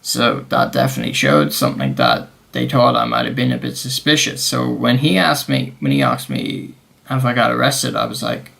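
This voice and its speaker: A young man in his late teens tells a casual storytime, circling back through fillers and quick self-corrections. His mid-pitched voice has a gravelly, creaky edge. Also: big pitch swings, sharp tone. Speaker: vlogger.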